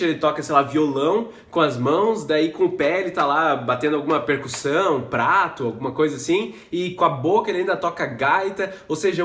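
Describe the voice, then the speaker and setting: A man with a fairly high voice explains English grammar in a relaxed, chatty way, slowing right down whenever he models an English word. He is a Portuguese speaker teaching learners of English. The recording has a noticeable roomy echo. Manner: explains patiently, slows down to model English words. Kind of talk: casual explanatory lesson.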